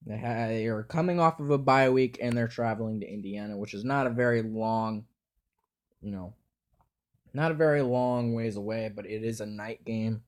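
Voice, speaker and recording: A man's voice: fairly low pitch, normal speed. A man giving casual football predictions, thinking aloud in a hesitant way that repeats words and restarts sentences. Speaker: sports predictions host. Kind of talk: casual spoken football picks.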